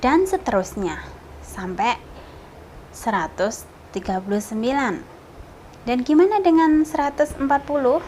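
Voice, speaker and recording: A woman giving a casual spoken lesson, slowly repeating example words in a lifted voice. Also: sits high, lively intonation, darkish tone, a little hiss or hum, low-quality recording. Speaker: language teacher.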